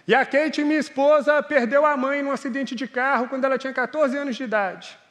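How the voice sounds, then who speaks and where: High-voiced pastor in a reverberant church. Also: male voice, steady tone, brisk, fairly bright tone. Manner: conversational, self-mocking, acts out dialogue. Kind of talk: sermon with personal storytelling. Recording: church hall with long reverb.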